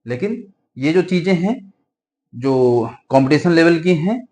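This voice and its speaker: Male grammar teacher, fairly high voice, advising classroom tone, slow word-by-word dictation. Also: animated, darkish tone. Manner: explains in Hindi with English examples, dictated slowly word by word; frequent checking "ठीक है" fillers, advising tone. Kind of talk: classroom-style grammar lesson for exam students.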